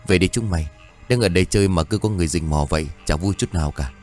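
A man's voice: low voice, fast talker, darkish tone, faint music behind, close to an everyday voice. A man voicing a blunt, bossy village boy in a told story. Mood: annoyed.

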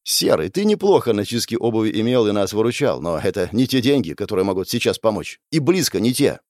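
Gruff street-gang leader, older youth, clipped and hissing, played by a male narrator. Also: lowish voice, very animated, fast talker, darkish tone, dry recording, clean studio sound. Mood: mocking. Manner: curt, grumbling, hissing.

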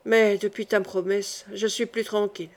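A woman's voice: flat delivery, moderate pace, lightly acted. Woman reading a dying, remorseful king. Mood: sorrowful. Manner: soft, low-voiced confiding. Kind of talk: audiobook character reading.

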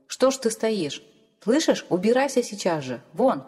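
A woman voicing a stern, angry young blacksmith who shouts curt threats. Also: mid-range voice, sing-song, moderate pace, slightly rough. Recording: long hall reverb.

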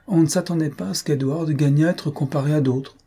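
A man doing a vain, foppish young gentleman. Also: on the high side, steady tone, fairly quick, husky, pitched above the performer's own voice. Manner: affected, mocking and chatty.

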